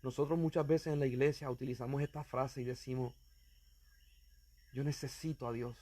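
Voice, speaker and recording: A man's voice: medium pitch, fairly even intonation, normal speed, warm tone. A man preaching as an evangelist, speaking earnestly and directly to the listener, with fervent emphasis. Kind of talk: sermon.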